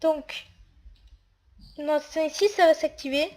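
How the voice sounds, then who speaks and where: A woman's voice: high voice, takes it slowly, darkish tone. A woman talking through a casual game tutorial while she builds, hesitant and full of fillers. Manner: hesitant, narrates actions with fillers.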